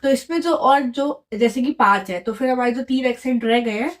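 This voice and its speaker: A woman's voice: high voice, normal speed. A young woman explaining a language lesson in a casual way, patiently repeating each answer and quizzing her viewers. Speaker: French teacher.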